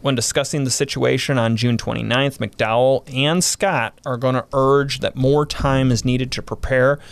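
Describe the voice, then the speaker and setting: A man's voice: medium pitch, fairly even intonation, normal speed, gravelly, clear, resonant tone, no echo. A man, a historian guest on a podcast, explaining military history in a casual but detailed way, running through units and dates.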